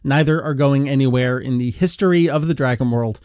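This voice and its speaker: A man's voice: medium pitch, brisk, darkish tone, no room sound. A man hosting a podcast in casual chat, upbeat and jokey, with frequent filler words. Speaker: podcast host. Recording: dry close-miked podcast audio.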